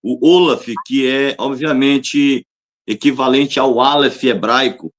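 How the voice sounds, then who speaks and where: A man, a fellow professor, answering questions carefully and sounding out words slowly. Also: medium pitch, fairly even intonation, slight background noise. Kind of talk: casual chat.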